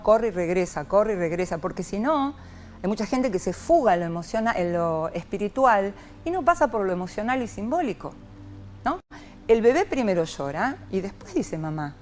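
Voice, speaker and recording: A woman's voice: mid-range voice, normal speed, faint music behind. A woman from Argentina, a psychologist talking expressively as an interview guest. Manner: expressive, lively, frequent rhetorical "¿no?". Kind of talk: reflective interview talk.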